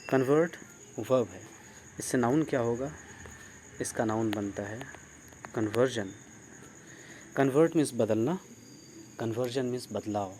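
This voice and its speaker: Male grammar teacher, slow deliberate delivery, crickets chirping steadily behind. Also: mid-range voice, mellow, slight background noise. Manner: slow, deliberate, spells words out letter by letter; asks the class questions and praises answers. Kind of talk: online grammar lesson.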